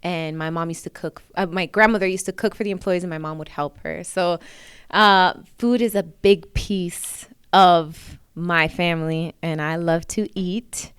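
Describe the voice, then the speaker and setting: A woman's voice: lowish voice, steady tone, a little slow, clear, resonant tone, no echo, clean studio sound. A woman from New York, a singer and interview guest, chatting casually and laughing often. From New York, USA.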